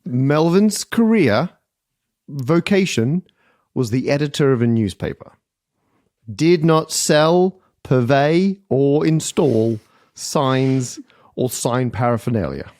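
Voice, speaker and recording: A man's voice: mid-range voice, lively intonation, slow pace, a little mellow, no echo, studio quality. Wry man hosting a podcast quiz. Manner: wry, explanatory. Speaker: quiz host. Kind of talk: podcast panel game hosting.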